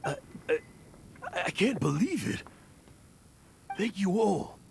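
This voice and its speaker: A man voicing a weary, emotional aging adventurer in a video game, speaking in a halting, dramatic way. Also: high voice, sing-song, gravelly, a little hiss or hum, heavily acted. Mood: astonished. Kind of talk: English video game voice acting. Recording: game music behind.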